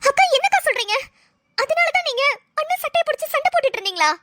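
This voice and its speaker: A woman's voice: very high-pitched, sing-song, fast talker, fairly bright tone, no echo, clean studio sound, heavily acted. A woman voicing an anxious young woman who pleads frantically in a cartoon. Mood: frantic. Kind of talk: dubbed cartoon voice acting.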